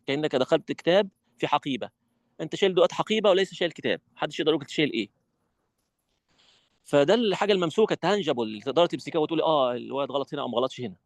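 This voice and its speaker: A man with an Egyptian accent teaches recitation to fellow teachers at a rapid clip, his voice sitting a little high for a man. He speaks with animated, demonstrative energy, and the dry, close sound has no room echo. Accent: Egyptian Arabic. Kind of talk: online teacher training lesson.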